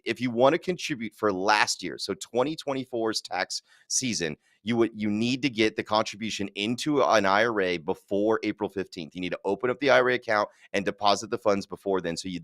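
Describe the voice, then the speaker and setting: Confident man explaining, lower voice. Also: fairly bright tone, no echo. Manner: confident, explaining, quick jokes. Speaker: guest expert. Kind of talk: explanatory interview answers.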